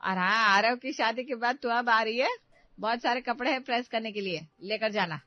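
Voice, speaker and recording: A woman's voice: on the high side, moderate pace, dry recording, pitched above the performer's own voice, close to an everyday voice. A bossy, old-fashioned mother-in-law who lectures in a firm voice, as a woman acts her out. It is a cartoon storybook part, recorded dry and slightly dull. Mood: lecturing. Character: traditional middle-aged mother-in-law, bossy and preachy.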